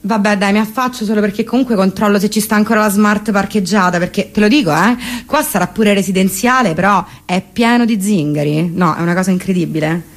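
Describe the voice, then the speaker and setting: A woman's voice: medium pitch, a little fast, hardly any pauses, natural voice. A woman playing a spoiled, posh young Roman woman chatting breathlessly on the phone, with a Roman accent. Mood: agitated gossip. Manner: breathless, gossipy, exaggerated. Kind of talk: comic theatre monologue. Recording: radio broadcast with guitar behind.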